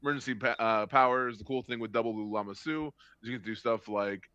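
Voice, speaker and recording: A man casually explaining his deck, halting and correcting himself. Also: fairly low pitch, sharp tone, no echo, highs cut off. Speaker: contestant. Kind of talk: casual chat.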